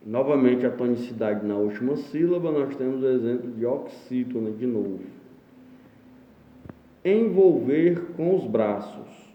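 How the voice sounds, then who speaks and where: A Brazilian male teacher gives a recorded lesson at an unhurried pace, reading entries aloud and explaining each one. His voice sits at an average pitch. The room sounds echoey, with a long tail, and the audio is dull and lo-fi. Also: lively intonation. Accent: Brazilian Portuguese. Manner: slow, explanatory, reads entries aloud with frequent "né?". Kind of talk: online class lesson.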